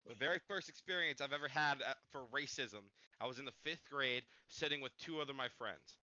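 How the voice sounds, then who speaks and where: A young man co-hosting a casual podcast, telling jokey stories in an animated way. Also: mid-range voice, fairly quick, dry recording, highs cut off. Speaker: podcast co-host. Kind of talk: casual joking podcast chat.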